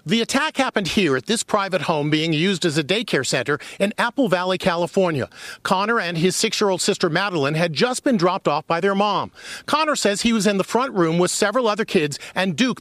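American male TV reporter. Scripted story narration, high pitched, very lively. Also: fairly quick, no echo. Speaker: news reporter.

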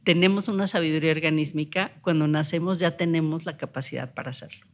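A woman psychologist speaks in a lowish voice as a podcast guest. She explains earnestly, putting weight on her key points. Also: fairly even intonation, fast. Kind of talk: casual podcast conversation.

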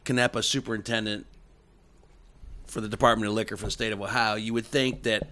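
A man's voice: lowish voice, fairly even intonation, brisk, sharp tone, slight background noise. A man in his late fifties hosting a casual interview chat, joking with playful asides. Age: 50s. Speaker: host.

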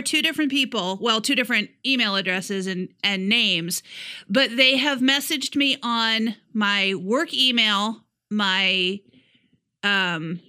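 A woman co-hosting a comedy podcast, skeptical and wry as she picks things apart. Her voice is high and bright, with a sharp edge. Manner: wry, skeptical reading aloud. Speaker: podcast co-host. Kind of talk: casual comedic chat.

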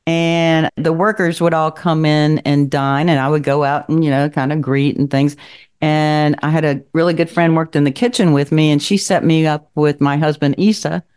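A city council member in her sixties from the Appalachian Mountains of Kentucky chats casually as a podcast guest, laughing often as she tells stories. She speaks low, with a darkish, clean tone, fairly even intonation and a moderate pace.

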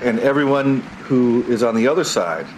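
A man's voice: medium pitch, animated, moderate pace. A man giving explanatory analysis as an expert in a news interview. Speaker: expert commentator. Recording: faint background noise.

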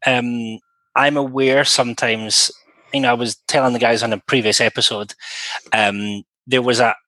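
A man's voice: medium pitch, fairly even intonation, normal speed, sharp tone, no echo, poor audio. A man in casual podcast conversation, thinking aloud with frequent hesitations and restarts. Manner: thoughtful, hesitant, many restarts. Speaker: interpreter guest.

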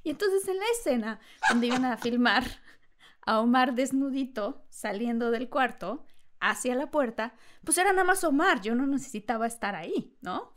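A woman, a podcast guest, telling a funny anecdote and acting out the voices, laughing often. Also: fairly high pitch. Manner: lively storyteller, acts out voices and laughs often.

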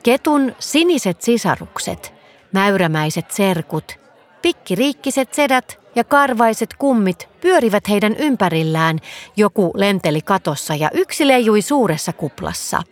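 A woman narrating a children's story in a gentle, expressive reading voice. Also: medium pitch.

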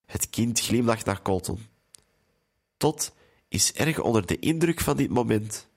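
Calm man retelling a story. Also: mid-range voice, unhurried, husky. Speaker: narrator retelling a film. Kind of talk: plain storytelling narration.

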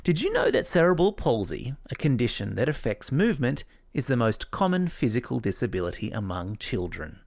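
A man's voice: mid-range voice, sing-song, a little fast, vocal fry, few pauses, darkish tone, no echo, clean studio sound. An Australian man hosting a kids' news podcast, reading scripted stories in an upbeat, playful way with jokey asides.

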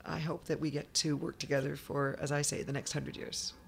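A woman's voice: low voice, flat delivery, brisk, creaky, a little hiss or hum. A woman interviewing a guest in casual conversation. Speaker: podcast interviewer.

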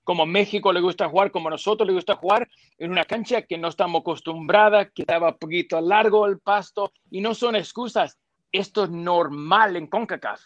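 Man, football pundit, fillers, emphatic, slightly high voice, dry studio sound. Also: brisk, a bit bright, no room sound, muffled recording. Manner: emphatic, repeats points, mixes English fillers like "so" and "yeah". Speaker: football pundit, former player. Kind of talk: studio sports panel discussion.

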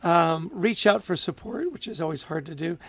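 A man co-hosting a podcast in casual chat, enthusiastic and quick to laugh. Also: on the high side, lively intonation. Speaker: podcast co-host.

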